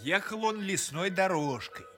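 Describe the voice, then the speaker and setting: A man giving expressive scripted narration of a fairy tale as storyteller. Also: sits high, a little slow, faint music behind.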